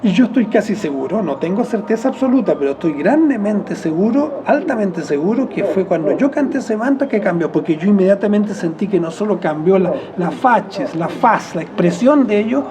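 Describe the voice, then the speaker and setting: A man with a Chilean accent, explaining in a rambling, reflective way as an interviewee, often correcting himself mid-phrase and chuckling softly. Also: high-pitched, lively intonation, normal speed, hardly any pauses, noisy background.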